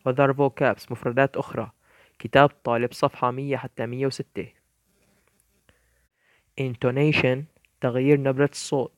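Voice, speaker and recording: Man slowly reading vocabulary words. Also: mid-range voice, no room sound. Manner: reads each English word, then gives its Arabic meaning; measured, with small stumbles and self-corrections. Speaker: English teacher. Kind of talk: bilingual vocabulary lesson, reading word lists.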